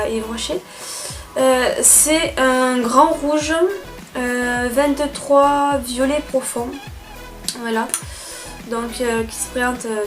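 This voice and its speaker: Hesitant young woman vlogger, music behind. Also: on the high side. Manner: hesitant, many filler sounds. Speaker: beauty vlogger. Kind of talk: casual spring tag video.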